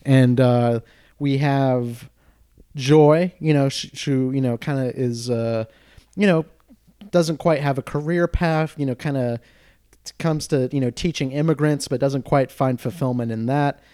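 A man's voice: mid-range voice, steady tone, measured pace, warm tone, smooth, dry recording, clean studio sound. A young man co-hosting a podcast, chatting casually about movies and rambling with lots of fillers. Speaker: podcast co-host. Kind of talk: casual film podcast chat.

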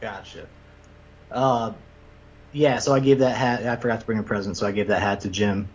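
A man's voice: lowish voice, fairly even intonation, normal speed. A man hosting a podcast in casual banter, slangy and teasing, calling people bro. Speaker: podcast host. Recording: dull lo-fi podcast audio.

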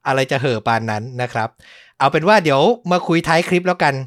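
A man's voice: medium pitch, lively intonation, fast, fairly bright tone, no echo, studio quality. A man hosting a podcast, chatting casually in a playful, teasing way. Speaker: podcast host.

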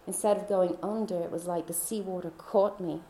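Chatty woman with a mellow voice. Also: lowish voice, fairly even intonation, fairly quick, reverberant, slight background noise. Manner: chatty, laughs often, dips into soft whispers. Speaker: speaker. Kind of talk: personal faith testimony.

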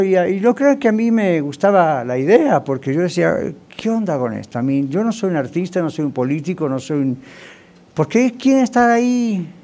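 A male pastor preaches a sermon conversationally, often putting rhetorical questions to the congregation. His voice is a little high with a darkish tone.

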